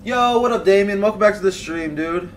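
A man's voice: high voice, fairly quick, noisy background. A man on a livestream headset mic, giving casual gameplay commentary and greeting chat by name with slangy "bro" and "dude". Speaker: game streamer. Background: game music.

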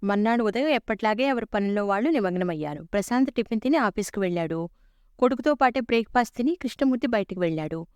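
A woman narrating a story in a steady, expressive reading voice. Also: medium pitch, fast talker, smooth, no room sound, studio quality.

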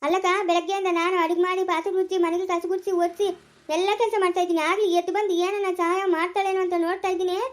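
A woman playing a squeaky quick scolding village wife. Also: level tone. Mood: complaining. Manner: scolding, bickering. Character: quarrelsome sharp-tongued village woman. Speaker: family skit actor. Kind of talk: village family skit acting.

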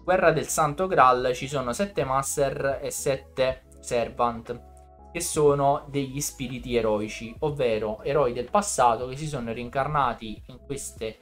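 A man's voice: medium pitch, unhurried, a bit bright, faint music behind. A man co-hosting a casual live stream, explaining anime series at length in a chatty, informal way. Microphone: streaming setup microphone.

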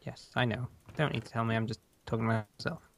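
A man's voice: medium pitch, fairly even intonation, fast, gravelly. A man chatting casually as he co-hosts a gaming video, playful, silly and teasing. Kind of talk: casual chat while playing Minecraft.

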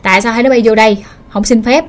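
A woman voicing a fierce, fat old female ghost with fangs, scolding slowly and emphatically. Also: on the high side, steady tone, lightly acted. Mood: menacing. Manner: menacing, scolding, slow and emphatic.

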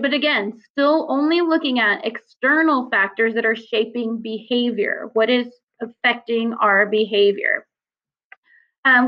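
A woman with a high voice teaches a lecture, explaining ideas in an easygoing, conversational way with the odd "um" and "uh." The recording sounds somewhat dull and lo-fi. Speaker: psychology teacher.

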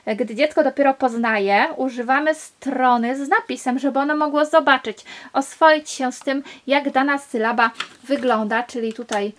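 A woman's voice: sits high, moderate pace. Enthusiastic woman reviewing a board game. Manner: enthusiastic, explains step by step while handling pieces.

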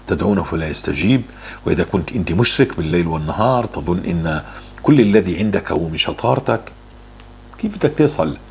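A man's voice: fairly low pitch, gravelly, darkish tone, a little hiss or hum. A man answering religious questions, fervent and repeating words for emphasis. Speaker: religious speaker.

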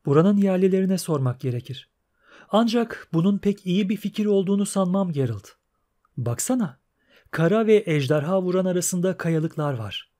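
Patient young poetess, read by a man in his own voice, even and explaining. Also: high-pitched, normal speed, pitched above the performer's own voice. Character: young female poet, patient and learned.

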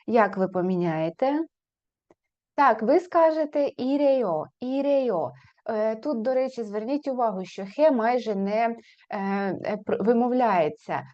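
Clear-spoken woman teaching a language lesson. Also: medium pitch, a little mellow, highs cut off. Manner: slow, clear drilling of example words.

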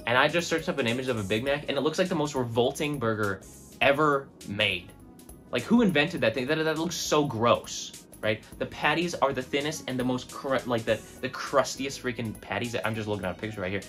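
A man's voice: medium pitch, fairly quick. Man, food vlogger, emphatic rant, mid-range voice, faint music underneath. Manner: emphatic, animated, tags lines with "right?" and "okay?".

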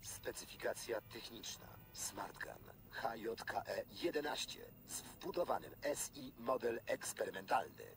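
A deadpan smart-gun AI, gravelly tone, slow literal speech, game dialogue, faint hiss. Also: male voice, mid-range voice. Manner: monotone machine-like delivery, repeats louder.

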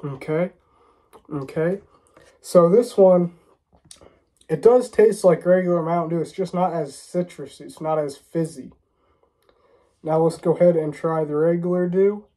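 A young American man who sounds stuffy and congested from a cold chats casually to camera from a small room, reviewing drinks as a vlogger. His voice is fairly high and warm, and he speaks unhurriedly with frequent pauses.

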